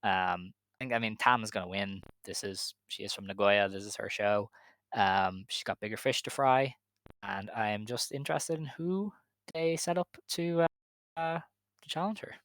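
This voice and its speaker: A podcast co-host chats casually about wrestling, talking things through and hedging a lot with "I think" and "um." His voice is fairly low, a bit bright, and moderately paced, with no room sound.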